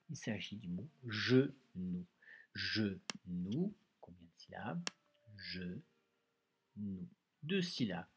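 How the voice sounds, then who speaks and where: A man teaching a dictation lesson to young pupils, slow and patient, spelling words out syllable by syllable and often adding "hein". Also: on the low side, slight background noise. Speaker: primary school teacher. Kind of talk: recorded remote dictation lesson.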